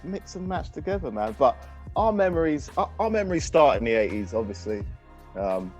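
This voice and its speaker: Animated man hosting, higher-pitched voice. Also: a little fast, faint music behind. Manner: animated, repeats phrases. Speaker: podcast host. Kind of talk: casual banter about eighties pop nostalgia.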